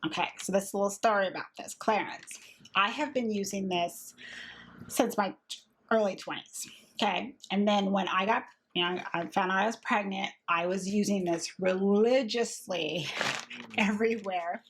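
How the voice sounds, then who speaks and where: A woman in her thirties, a beauty vlogger, chatting casually and candidly about products she has used up, with a husky voice. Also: medium pitch, moderate pace, slight background noise. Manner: chatty, candid, frequent fillers and restarts. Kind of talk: casual product review chat.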